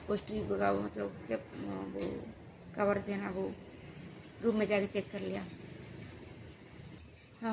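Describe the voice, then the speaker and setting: A woman vlogger telling a personal story in a halting, hesitant way, full of pauses and fillers. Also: mid-range voice, gravelly, background noise.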